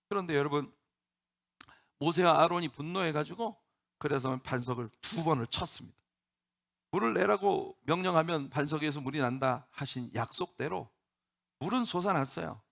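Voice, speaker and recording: A man's voice: high voice, vocal fry, bright, forceful tone. A man preaching a sermon in church, emphatic and building up with rhetorical questions to the congregation. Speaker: pastor.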